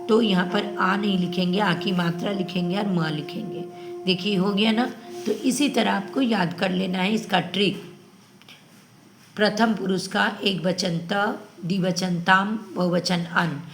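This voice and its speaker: A woman's voice: on the low side, fairly bright tone, a little hiss or hum. A woman teaching Sanskrit grammar to children, patiently repeating each ending so they can memorize it.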